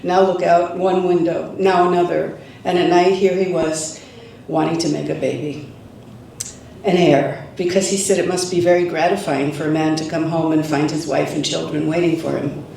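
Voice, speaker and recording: Someone reading a novel aloud at an event, measured, sounds far from the mic in a big echoey room. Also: mid-range voice, little pitch movement, creaky, darkish tone, a little hiss or hum. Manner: measured first-person literary reading. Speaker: reader at a literary event. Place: large echoing event venue. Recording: echoey hall, distant mic, faint ambience.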